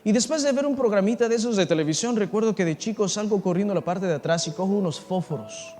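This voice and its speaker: A man with a high voice delivers an impassioned sermon, telling a personal story and calling out to his listeners. He speaks in a large assembly hall, and the long reverb carries his words over faint music. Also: fast talker, mellow. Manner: impassioned, addresses listeners directly. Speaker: pastor.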